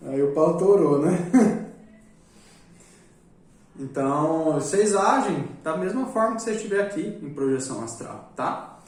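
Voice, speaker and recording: A man teaching a live class, casual and joking, often tagging his points with a quick question. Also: on the high side, expressive, a little mellow. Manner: joking, chatty, repeats "né?" often. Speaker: magic course teacher. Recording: echoey room, distant mic.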